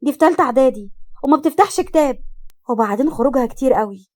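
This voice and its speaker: A woman's voice: high voice, expressive, racing, dry recording. A woman voicing a hot-tempered young woman who scolds her younger sister, in an Egyptian accent. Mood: worried. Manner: scolding, sharp.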